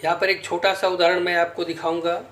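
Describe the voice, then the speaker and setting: A man teaching a class lesson, speaking slowly and spelling out sounds and counting syllables aloud. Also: sits high, flat delivery, a bit bright, reverberant, slight background noise. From India. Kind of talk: slow classroom lecture.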